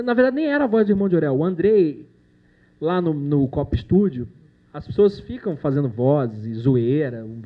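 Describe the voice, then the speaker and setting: A man's voice: a little high, phone-quality sound. Chatty, joking man giving a student talk. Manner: chatty, jokey, with slang and swearing. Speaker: animation producer giving a talk. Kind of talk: casual talk to university students. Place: university lecture room.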